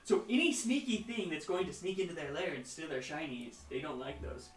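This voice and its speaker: A man's voice: on the high side, a little fast, recorded from a distance. A man narrating as game master in a tabletop game, chatty and laughing often. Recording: echoey room, off mic.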